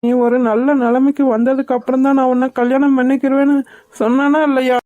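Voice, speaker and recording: A woman's voice: sits high, little pitch movement, quick pace, dark tone, no room sound, dull audio, natural voice. A woman voicing a persistent young man in a cartoon, teasing and puzzled by his beloved. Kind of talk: cartoon voice acting.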